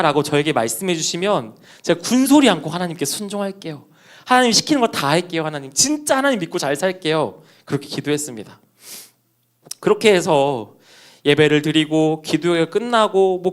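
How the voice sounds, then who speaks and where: Young male preacher, storytelling sermon, lively and fairly high. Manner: personal anecdote with quoted dialogue, addresses congregation.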